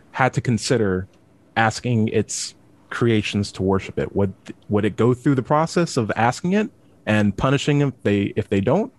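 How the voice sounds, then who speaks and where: A man hosting a casual discussion, asking probing questions with playful jokes. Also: on the low side. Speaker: host.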